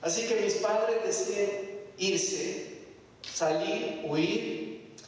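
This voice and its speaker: A man's voice: high voice, very slow. Preacher in his thirties, echoing far-off hall. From Mexico, of Salvadoran parents. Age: 30s. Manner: testimony with call-and-response to the congregation. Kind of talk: sermon. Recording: echoey hall, picked up from far off.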